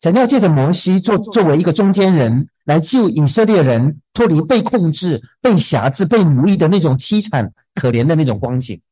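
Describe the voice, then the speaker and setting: A man preaching a sermon in a gentle, unhurried way, often repeating a word as he starts a thought. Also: fairly high pitch, animated, breathy edge, low-quality recording. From southern China.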